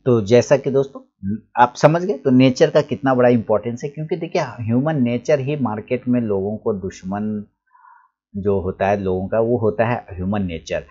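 A man's voice: mid-range voice, moderate pace, warm tone, dull audio. A man teaching a casual trading lesson, explaining patiently and repeating his points as he writes on a board. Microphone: recorded while writing on a board.

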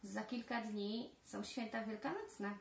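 A preschool teacher, a woman, reading a children's story aloud with clear, careful storytelling. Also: medium pitch, slow. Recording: roomy echo.

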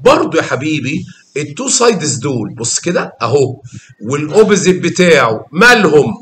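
An Egyptian man teaching a math class with a lively, coaxing manner. His voice sits a little high and swings widely as he repeats key words and quizzes his students. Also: moderate pace, echoey room, slight background noise. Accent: Egyptian Arabic. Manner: animated, coaxing students with questions and repetition.

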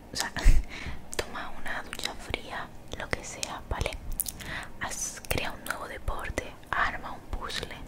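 A young woman gives soothing, motivational ASMR in a breathy whisper very close to the mic, gently repeating phrases. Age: young adult. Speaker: ASMR creator. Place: small bedroom, indoors. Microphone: desktop condenser mic, very close.

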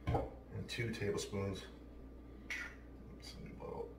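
A man's voice: fairly low pitch, little pitch movement, takes it slowly, distant mic, very noisy. A man, casually talking through a recipe while he works in a large home kitchen. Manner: chatty, offhand, talks while working. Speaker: home cooking show host. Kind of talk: casual cooking demonstration. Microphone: camera mic at a distance, then close to camera. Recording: roomy kitchen sound, heard from afar.

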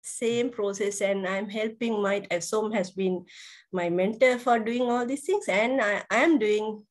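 A woman's voice: mid-range voice, measured pace. A middle-aged woman from Sri Lanka, a guest on a video-call interview, hesitant, with many fillers and restarts. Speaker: guest educator. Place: indoors, virtual background.

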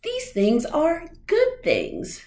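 A woman's voice: high-pitched, huge pitch swings, very slow, darkish tone, reverberant, a little hiss or hum, pitched above the performer's own voice, exaggerated voice. A boastful, playful storybook tomcat, put on by a woman, eager and theatrical. The delivery swoops up and down in a sing-song way, exclaiming with showman's flair. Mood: showy. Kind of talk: storybook read-aloud.

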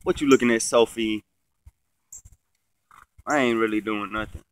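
Reclining in a chair out in a yard, a sniffly young man vlogs on a phone held at arm's length, rambling in a slangy, laid-back way and swearing freely. He's sick, his voice congested and stuffy-nosed but low-ish, steady, smooth, and at a normal speed.

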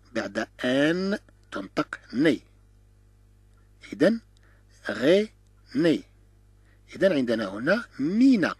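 Slow, husky male French teacher. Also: mid-range voice, dry recording, studio quality. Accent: Moroccan Arabic. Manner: drills letter sounds slowly, repeating each syllable. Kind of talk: slow classroom-style reading lesson.

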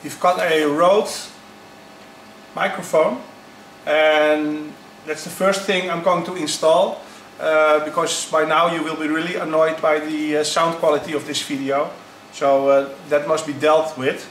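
A man starting a YouTube channel, talking in a halting, unpolished way with frequent pauses. He is recorded through the low-quality built-in mic of his camera. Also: level tone, fairly bright tone, distant mic. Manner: halting, unpolished, pausing often. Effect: low-quality sound from a built-in camera mic. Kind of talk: casual unboxing vlog. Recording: echoey, low-quality camera audio with faint background noise.

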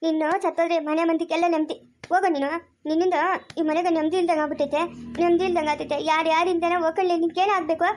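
A woman's voice: very high voice, little pitch movement, rapid-fire, a little mellow. A woman playing a harsh village mother who scolds her young son with repeated questions, in a family drama. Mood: scolding. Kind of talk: amateur family drama acting.

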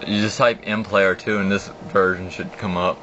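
A young man with a low pitch and flat delivery talks at a moderate pace in a wandering, unscripted tour of an old computer. He narrates what he clicks while sitting at his desk at home. The phone recording the screen produces dull, lo-fi audio with a hum running through it.

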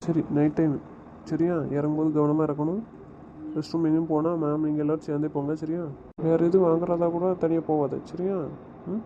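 A man rattles off teasing remarks and bossy instructions at a quick clip. His voice comes through a dull, muffled phone line. Steady background noise runs under everything he says. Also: fairly high pitch. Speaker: husband on a phone call. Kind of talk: casual phone conversation.

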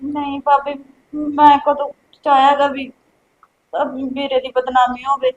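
Playing a frightened young woman in a village web-series drama, an actress with a Punjabi accent pleads defensively with her sister-in-law. Her voice is high and delivered completely flat at a slightly slow pace, and the audio sounds dull.

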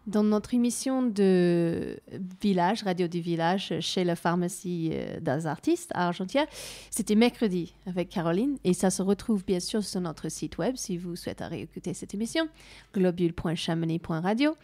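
A woman's voice: lowish voice, animated, moderate pace, warm tone. A woman from New Zealand hosting a radio interview in French with a New Zealand accent, sometimes searching for words and slipping into English. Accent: New Zealand, speaking French. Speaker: radio host.

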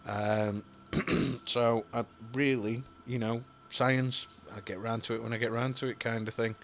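Here a young man from Yorkshire commentates on a building game for his gaming channel, rambling and thinking out loud, full of ums and apologies. His voice is mid-range and fairly even in intonation, a little slow, with slight background noise.

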